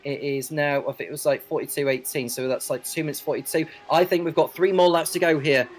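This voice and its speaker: A man's voice: fairly high pitch, fairly even intonation, quick pace. Male race commentator, faint noise behind. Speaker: motorsport commentator.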